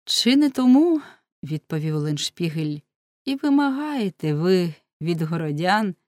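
A woman's voice: on the low side, big pitch swings, unhurried, a little mellow, no echo. A woman voicing a defiant young man, a prisoner who speaks in a grim, bitterly ironic way in a storybook reading.

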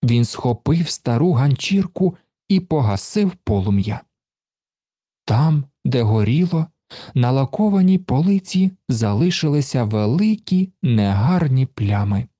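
A man narrating a children's storybook aloud in an expressive, lively way. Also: mid-range voice, unhurried, no room sound, studio quality. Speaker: storybook reader.

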